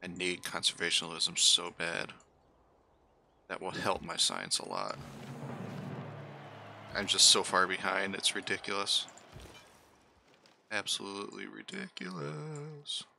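Male game host, bright, lively delivery, self-deprecating let's-play chatter. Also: low-pitched, a little slow, creaky, long pauses, a little hiss or hum. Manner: mutters running asides to himself and his units. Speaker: gaming channel host. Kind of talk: casual let's-play commentary.

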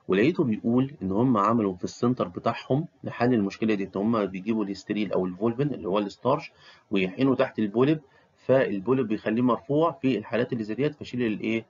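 Rapid, husky Egyptian man giving advice. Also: fairly low pitch, dull audio. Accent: Egyptian Arabic. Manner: repeats key phrases, many fillers. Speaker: doctor giving career advice. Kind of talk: casual advice talk.

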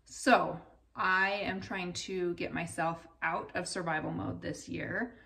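Woman, 30s, candid casual chat, lowish voice, kitchen, camera set back. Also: steady tone, takes it slowly, gravelly, pushed and bright, far from the mic. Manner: candid, conversational, self-deprecating. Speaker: vlogger, mother. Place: home kitchen, indoors. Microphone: camera a little way off.

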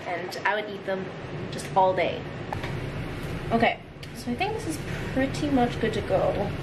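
A woman's voice: mid-range voice, animated, moderate pace, background noise. A young woman chatting upbeat while she cooks in her home kitchen, talking through each step of a family recipe. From Filipino heritage family. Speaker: vlogger. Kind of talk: casual cooking vlog.

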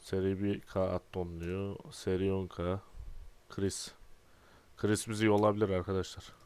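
Smooth low-voiced young man grumbling. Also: flat delivery, unhurried, darkish tone. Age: 20s. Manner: exasperated, grumbling, frequent throat clearing. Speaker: gaming YouTuber. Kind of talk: casual gameplay commentary.

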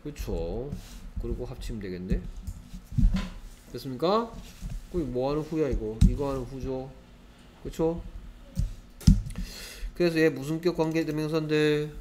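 A man teaching an English grammar lesson to students, lively and constantly checking in with rhetorical questions. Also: mid-range voice, measured pace, pauses often, noisy background.

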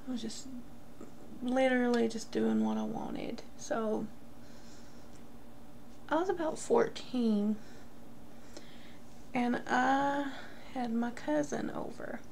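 A woman in her thirties telling a casual, confessional story to camera in a gossipy, rambling way with halting tangents. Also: fairly high pitch, creaky, darkish tone, a little hiss or hum. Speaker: vlogger. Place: small room at home, indoors.

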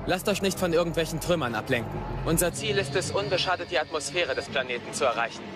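A man acts a bold young starfighter leader in a German audio drama. His pitch is fairly high and his orders are clipped and commanding. Loud music and battle effects surge behind him. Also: animated, fast, close to an everyday voice. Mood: commanding, focused.

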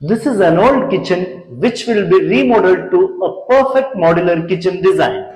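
A young man, a renovation company founder, walks through an empty apartment explaining planned changes in a measured, presenting way, on a lapel mic. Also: sits high, animated, darkish tone. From India. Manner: measured, explanatory, pointing out features. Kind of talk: scripted walkthrough presentation. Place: large empty apartment rooms, indoors. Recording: echoey empty rooms with background music.

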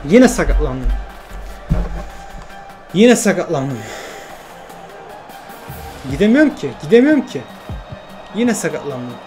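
A young man commentating his own football video game play, shouting at teammates between frustrated and joking remarks. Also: a little high, sing-song, takes it slowly, pauses often, faint music behind. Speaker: gaming YouTuber.

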